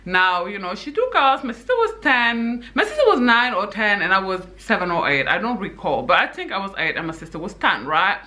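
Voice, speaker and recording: A young woman from Senegal telling stories to her viewers in a chatty, animated vlog, often calling them "you guys" and breaking into asides. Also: medium pitch, a little fast, few pauses. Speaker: YouTuber. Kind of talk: casual chatty vlog storytelling.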